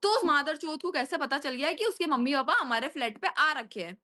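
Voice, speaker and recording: A young woman telling a story on a video call, fast, profane and animated. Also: high-pitched. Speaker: stranger on a video chat. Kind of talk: casual storytelling on a video chat.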